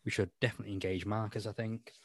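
A man with a deep voice hosts a relaxed podcast chat. He rambles and pokes fun at himself, with plenty of "like" and "um". The sound is close and dry, with no room in it. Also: very fast, dry recording. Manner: rambling, self-mocking, many fillers. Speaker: podcast host. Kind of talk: casual chat.

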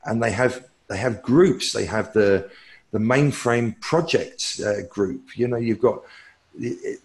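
Rambling, opinionated tech pundit man. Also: on the low side. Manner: rambling, self-correcting, opinionated. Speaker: technology expert guest. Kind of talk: answering viewer questions.

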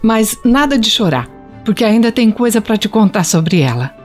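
A woman's voice: a little high, very animated, normal speed, faint music behind. A Brazilian actress playing a proud, reflective mother fondly telling family history in a radio drama. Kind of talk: radio soap opera acting.

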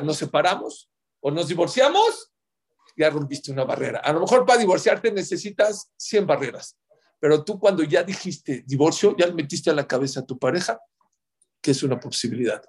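A man who gives marriage advice to an audience, speaking emphatically and counting off his points. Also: husky. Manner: emphatic, counts off points, acts out quotes in sudden high outbursts. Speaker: religious advisor on marriage.

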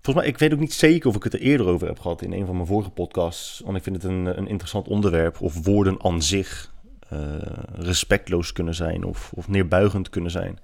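A man with a very low voice talks alone on his podcast. He argues his opinions firmly, with a lot of hesitant fillers between his points. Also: brisk, gravelly, darkish tone. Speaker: podcast host. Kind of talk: solo opinion podcast monologue.

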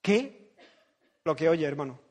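High-voiced dramatic Spanish preacher. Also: male voice, big pitch swings, a little slow, darkish tone. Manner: dramatic, acts out biblical voices, repeats phrases for emphasis. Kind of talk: sermon.

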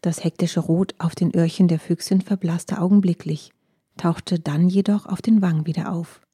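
A woman narrating a children's audiobook with expressive storytelling. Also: lowish voice, moderate pace, husky, no room sound, studio quality.

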